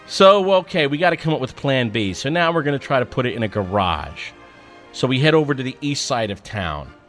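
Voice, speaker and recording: A man's voice: medium pitch, animated, brisk, fairly bright tone, soft background music. Profane, self-mocking male storyteller. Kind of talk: personal storytelling monologue.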